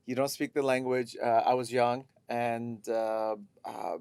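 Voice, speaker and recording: A man's voice: mid-range voice, level tone, a little mellow, clean tone, no room sound. Reflective middle-aged man from Lebanon. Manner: reflective, halting, searches for words. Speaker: podcast co-host, coach. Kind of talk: casual conversational podcast.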